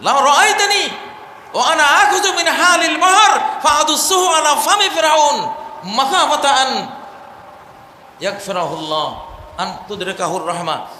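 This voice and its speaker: Man doing a fierce angel, high bright urgent voice, echoey hall. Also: animated, moderate pace, full character voice. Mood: indignant. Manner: urgent, exclamatory. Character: indignant male archangel, fierce and zealous. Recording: echoey hall, faint noise.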